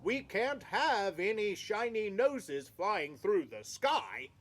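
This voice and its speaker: Guy doing a fussy old santa, high and bouncy, kinda stumbly. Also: big pitch swings, slow pace, fairly bright tone, full character voice. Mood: concerned. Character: jolly old Santa Claus, fussy about the sleigh team.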